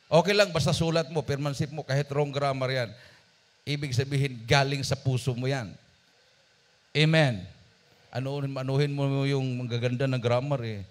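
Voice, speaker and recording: Male preacher, animated sermon storyteller, mid-pitched, talks straight to the congregation. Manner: animated, swings between loud emphasis and soft asides; addresses the congregation directly. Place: church service.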